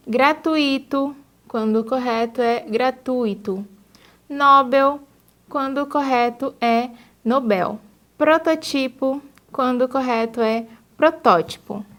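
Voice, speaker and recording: A woman reading a scripted lesson in a slow, deliberate, didactic way. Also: a little high. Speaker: teacher.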